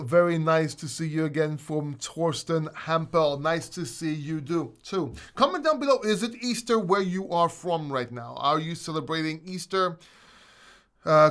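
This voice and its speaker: A man's voice: on the high side, fairly bright tone. A man from Greece hosting a casual live stream, chatty and rambling, a little winded. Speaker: host.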